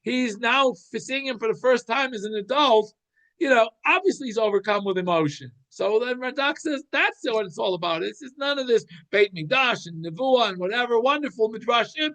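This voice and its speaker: Speaking at a normal speed in a very high voice, this man teaches Torah informally. He unpacks scripture with animated storytelling, thinking out loud and repeating himself.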